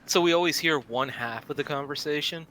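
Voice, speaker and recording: A man's voice: fairly high pitch, fairly quick, sharp tone, a little hiss or hum. A man playing a tabletop game, reasoning out choices in casual chat. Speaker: player.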